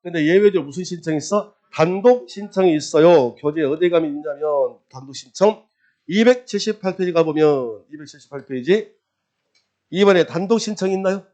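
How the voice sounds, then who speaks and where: A middle-aged man lecturing on property registration law, quizzing his class with rapid questions and answering them himself. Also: on the high side. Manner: lively, quizzing, drills with repeated questions and answers. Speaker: real estate law exam lecturer.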